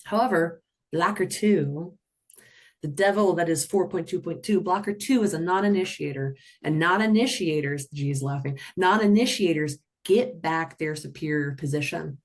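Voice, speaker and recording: Teaching roller derby officiating in a webinar at a moderate pace, a woman with a low voice is full of energy and animation. She acts out the players with playful character voices while explaining, apparently through a computer mic on a video call.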